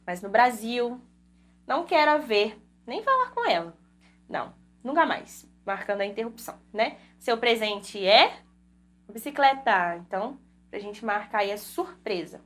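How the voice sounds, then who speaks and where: A young woman with a slightly high voice gives an online exam-prep lecture. She walks through the rules point by point and keeps checking in with her listeners. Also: a bit bright. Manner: explains step by step with frequent tag questions. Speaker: Portuguese teacher.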